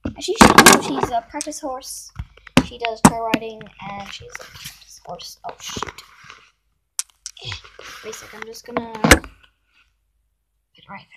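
Filmed indoors on a handheld phone in a carpeted room at home, a young woman casually tours her toy horse barn, unsure of herself, umming and self-correcting often. Her voice is a little high and unhurried, with long pauses, and the recording is very noisy.

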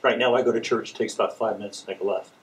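A man's voice: fairly low pitch, steady tone, rapid-fire, a little hiss or hum. A man from the audience at a town hall, raising a detailed, persistent complaint about a turn with wry humor. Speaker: resident asking questions. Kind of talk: public comment at a town hall. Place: meeting room, indoors.

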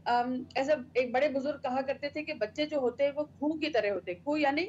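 A woman panelist in a televised debate, speaking in a measured, moralizing way and leaning on old sayings. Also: sits high, darkish tone, dull audio, slight background noise. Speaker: party spokesperson panelist.

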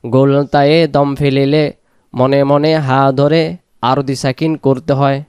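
A man teaching Quran recitation, spelling each word letter by letter and then chanting the verse slowly. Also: medium pitch, level tone, darkish tone, clear, resonant tone, no room sound, clean studio sound.

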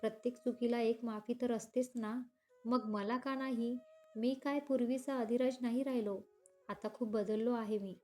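A woman voicing a possessive, insistent young man in a read-aloud romance story, forceful and pleading. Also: very high-pitched, fairly even intonation, moderate pace, soft background music.

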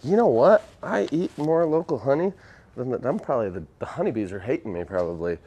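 A man's voice: mid-range voice, lively intonation, a little fast, warm tone, slightly rough. A young man chatting casually and self-deprecatingly with viewers while demonstrating epoxy on a live stream in a workshop. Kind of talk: casual live demo chat. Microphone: phone camera.

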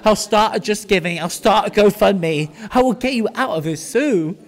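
Holding his phone up close, a sassy twenty-something guy films a dramatic vlog beside the enclosures of an outdoor zoo. His high-pitched voice has lively intonation and moves at a moderate speed. He plays it camp and comedic, chatting to the animals as much as to his viewers.

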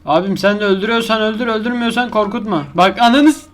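A man's voice: sits high, quick pace, a bit bright. Jumpy, foul-mouthed man commenting on a game. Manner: crude, swears a lot, talks to the game's monster; jumpy, yelps when scared. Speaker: horror game YouTuber. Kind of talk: live gameplay commentary.

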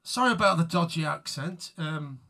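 A man's voice: a little high, animated, moderate pace, vocal fry, pushed and bright. A man chatting casually to live viewers between songs, rambling and self-mocking as he greets people by name. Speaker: musician hosting a live tribute stream.

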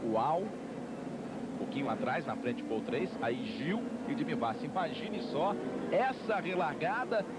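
A man's voice: fairly high pitch, big pitch swings, measured pace. A Brazilian man giving live motorsport commentary on TV, emphatically repeating positions and lap counts. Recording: noisy old TV broadcast, loud car noise.

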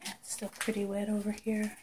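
A woman slowly narrating a walkthrough of a damp basement, thinking aloud and often clearing her throat. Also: mid-range voice, monotone, noisy background. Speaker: property inspector. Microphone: phone camera held while walking.

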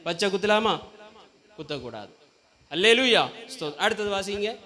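A man's voice: high-pitched, animated, a little slow, pushed and bright. A man preaching a Sunday sermon in a church, often asking the congregation questions and prompting them to call back. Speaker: pastor.

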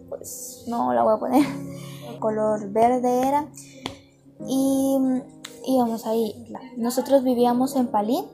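A woman's voice: fairly high pitch, warm tone. A woman telling a personal story to camera in a chatty, earnest way, speaking straight to her viewers, with music playing behind her. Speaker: vlogger. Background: background music.

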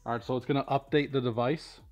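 A middle-aged man talks fast in a medium-pitched, fairly even, slightly mellow voice, casually walking through a product demo for a powersports tuning shop. The setting is a large indoor vehicle workshop with soft background music, and the highs are cut off.

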